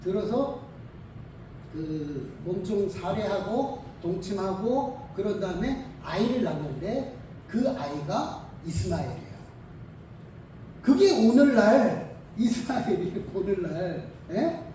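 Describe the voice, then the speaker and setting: A preacher telling a Bible story in a lively, conversational sermon style, speaking in a church. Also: medium pitch, slow pace, heavy reverb, far from the mic, a little hiss or hum, low-quality recording.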